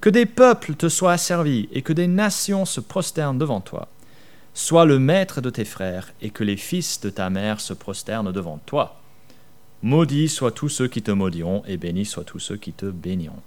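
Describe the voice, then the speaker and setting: A man's voice: medium pitch, lively intonation, normal speed, darkish tone, close to an everyday voice. A man reading as an old blind father, solemn. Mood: solemn blessing. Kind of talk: scripture reading.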